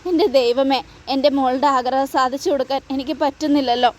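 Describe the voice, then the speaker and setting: Brief: woman voicing a worried mother consoling her daughter, high voice, gentle. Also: steady tone, quick pace, natural voice. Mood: imploring. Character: anxious loving mother of grown daughters.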